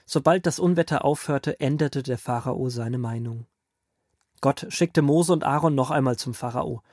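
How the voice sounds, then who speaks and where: A man narrating as a grandfather figure, reading a Bible story aloud in a calm storytelling manner for a children's audio drama. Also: mid-range voice, moderate pace, no room sound, clean studio sound, natural voice.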